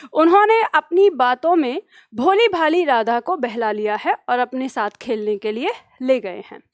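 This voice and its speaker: A woman's voice: very high voice, dry recording, studio quality. A woman teacher explaining poetry verses line by line, asking questions and answering them herself. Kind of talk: Hindi literature lesson.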